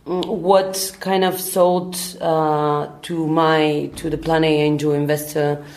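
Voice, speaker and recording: A woman from Bulgaria, in her thirties, a startup founder answering interview questions in a thoughtful way, often pausing with ums and uhs. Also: sits low, little pitch movement, darkish tone.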